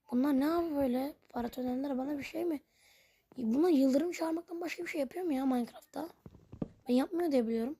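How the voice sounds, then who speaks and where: A gaming channel host records Minecraft let's play commentary in a high-pitched voice over background noise. She rambles and sounds puzzled while narrating her own game, constantly addressing her viewers.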